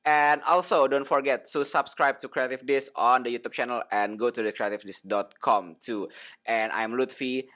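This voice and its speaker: A man's voice: mid-range voice, steady tone, normal speed, sharp tone. A man hosting an interview, eager and encouraging, who backs up the guest with frequent "mm"s and uses simple phrasing. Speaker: interviewer, host.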